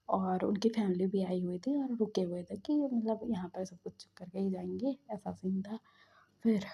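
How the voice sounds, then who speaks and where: A woman casually retelling a fan story with chatty fillers and a soft, half-whispered delivery. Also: mid-range voice, slightly rough.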